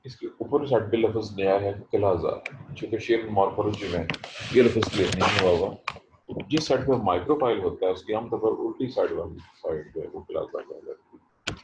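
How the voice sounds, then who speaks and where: A man teaching a botany class online, explaining terms slowly and stressing how to pronounce them. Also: fairly low pitch, echoey room, background noise. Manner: slow, explanatory, stresses pronunciation. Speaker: botany professor. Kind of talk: online lecture.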